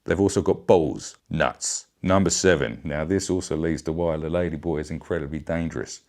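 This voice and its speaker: A man's voice: rumbling low, normal speed, darkish tone. A middle-aged man delivering a brash, bawdy satirical comedy rant. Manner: brash, bawdy, blokey banter. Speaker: vlogger.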